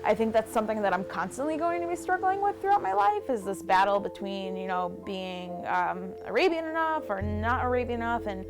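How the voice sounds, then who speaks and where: A woman's voice: on the high side, sing-song, a little fast, few pauses. Candid woman, reflective testimony. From Buffalo area, New York, USA. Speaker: documentary interviewee. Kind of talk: personal documentary testimony. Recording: music bed under the voice. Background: background music.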